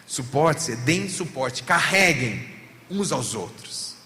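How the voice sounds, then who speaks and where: A man with a Brazilian Portuguese accent, a pastor preaching at a family seminar and telling stories with lively emphasis. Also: mid-range voice, slow pace. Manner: animated storytelling, voice rising and falling for emphasis. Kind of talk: sermon. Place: church hall at a family seminar. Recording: reverberant hall, faint background noise.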